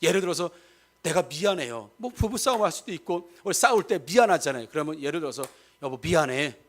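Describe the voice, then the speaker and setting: A male pastor preaching a sermon in church, speaking emphatically and addressing the congregation directly with questions. He rises to near-shouts when he acts out quarrels. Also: fairly high pitch, fast.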